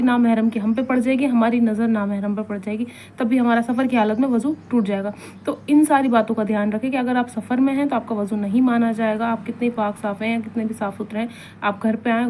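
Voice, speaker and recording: Soft-toned woman teaching religious rules. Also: fairly high pitch, slight background noise. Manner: conversational, repeats points, asks rhetorical questions. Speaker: religious instructor. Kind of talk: informal religious lesson.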